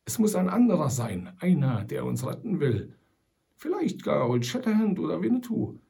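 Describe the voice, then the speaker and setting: A man doing a stubborn, wry old trapper, pitched well above an ordinary male voice and gravelly at the edges. He talks in a quirky old-timer way, tossing in English words, with a lively swing in the line. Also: normal speed. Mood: gruff, suspicious.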